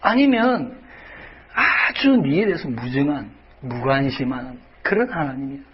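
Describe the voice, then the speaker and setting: A man preaching acts out a scornful male mocker who loudly taunts a believer in a high, jeering voice. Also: big pitch swings, a little slow, lo-fi sound. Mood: mocking.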